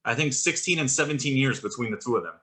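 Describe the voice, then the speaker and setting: Male co-host, mid-range pitch, casual and blunt, exasperated tone. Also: expressive, quick pace, fairly bright tone. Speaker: podcast co-host. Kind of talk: casual chat about wrestling.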